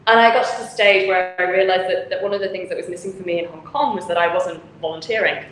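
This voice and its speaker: A fairly low-pitched, steady woman's voice, quick and a bit bright, belongs to a charity founder from Manchester, England. As a video-call interview guest she speaks frankly and chattily, laughing frequently. Her charity office, with its volunteer lockers, sounds echoey and carries faint noise.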